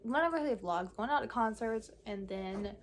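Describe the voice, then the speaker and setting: An eighteen-year-old woman talking candidly in a casual vlog, halting often with fillers and pauses. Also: a little high, animated, a little hiss or hum. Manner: candid and soft-spoken. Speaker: vlogger. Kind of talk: casual personal vlog talk.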